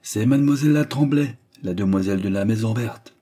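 A man's voice: mid-range voice, expressive, normal speed, dark tone, husky. A man voicing a proud father, a forest warden, who exclaims with pride in a storybook reading. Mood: exclaiming. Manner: exclamatory, boastful.

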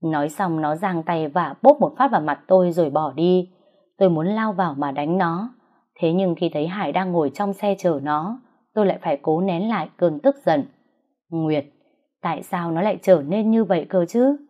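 A woman's voice: fairly low pitch, normal speed. A woman narrating a first-person audio drama story with a dramatic, emotional reading. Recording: dull lo-fi recording.

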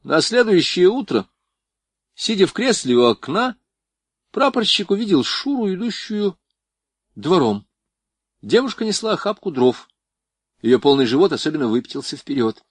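Expressive male audiobook narrator. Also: mid-range voice, breathy edge, no echo. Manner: expressive, varied voicing. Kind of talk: scripted narration.

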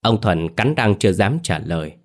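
Deep-voiced man narrating a ghost story. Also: expressive, moderate pace.

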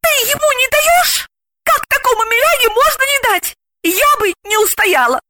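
A woman putting on a shrill, squealing young woman. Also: sing-song, moderate pace, sharp tone, slight background noise, full character voice. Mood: shocked. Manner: squealing, exclamatory. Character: brash shrill young woman, greedy and impulsive.

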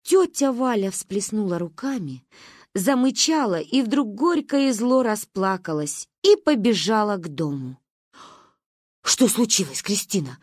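A woman narrating a story in an expressive, animated reading. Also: mid-range voice, a little slow, no echo, clean studio sound. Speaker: audiobook narrator.

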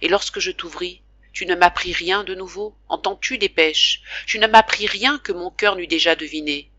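A woman narrates a classic novel for an audiobook, reading slowly with emotional, dramatic weight. Her voice is bright and ringing, and it is recorded close and dry with no room sound. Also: lowish voice, no room sound, muffled recording. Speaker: audiobook reader.

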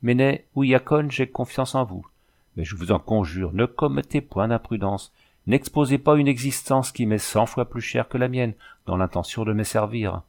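A man's voice: medium pitch, moderate pace, gravelly, darkish tone, lightly acted. A man reading aloud, voicing a wounded young French engineer in a storybook who pleads earnestly. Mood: pleading.

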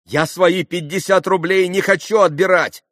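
A man voicing an excitable, indignant young gentleman who cries out. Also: sits high, moderate pace, dry recording, studio quality, voice pushed up. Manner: crying out.

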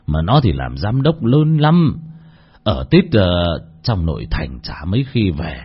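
A man voicing a kindly old male shoe seller who speaks softly and haltingly in a storybook tale. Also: deep voice, husky, dull audio, pitched below the performer's own voice, full character voice. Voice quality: soft, halting, slow.

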